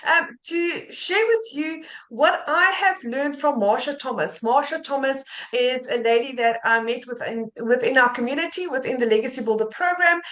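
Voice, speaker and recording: A woman's voice: sits high, moderate pace, few pauses, fairly bright tone, poor audio. A South African woman hosting a live-stream interview, introducing her guest with gushing, affectionate praise.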